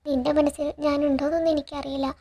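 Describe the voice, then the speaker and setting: A woman's voice: high voice, level tone, very fast, dark tone, natural voice. A woman voicing a nervous, earnest young man in love while retelling a TV serial. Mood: pleading.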